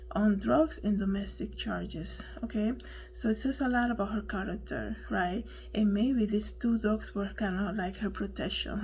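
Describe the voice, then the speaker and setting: A woman's voice: fairly high pitch, vocal fry, a little mellow, a little hiss or hum, rough recording. A woman giving casual commentary on a news story, chatty and preachy, often asking her listeners "right?". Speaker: online commentator.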